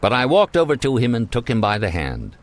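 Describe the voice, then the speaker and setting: A man narrating a self-help story in a measured, earnest way. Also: mid-range voice, huge pitch swings.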